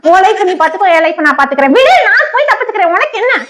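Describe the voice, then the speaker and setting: Tamil wife in a couple vlog, very high voice, frantic, pleading, close to tears. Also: female voice, big pitch swings, rapid-fire, fairly bright tone, slight background noise. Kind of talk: casual couple banter.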